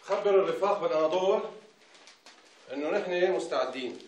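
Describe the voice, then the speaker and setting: An actor with a Syrian accent playing a brisk, commanding official giving orders, in a TV drama. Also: male voice, on the high side, a little mellow, roomy sound, lightly acted. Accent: Syrian Arabic. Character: scheming official Nazim Bey.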